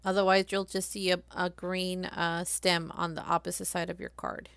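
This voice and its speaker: A woman live-streaming a craft software tutorial, chatty and thinking aloud as she works. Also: on the low side, flat delivery, normal speed, creaky, clean tone, no echo.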